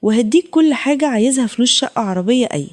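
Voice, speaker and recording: A woman voicing a middle-aged husband who pleads softly and insistently with his wife and a young man. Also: fairly high pitch, expressive, racing, big-room sound. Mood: pleading. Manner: soft, begging tone.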